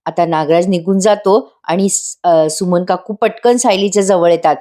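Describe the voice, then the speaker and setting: A woman's voice: fairly low pitch, moderate pace, warm tone. A woman gives a chatty voice-over recap of a serial episode. She addresses the viewers directly and walks them through each scene. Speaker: serial review narrator.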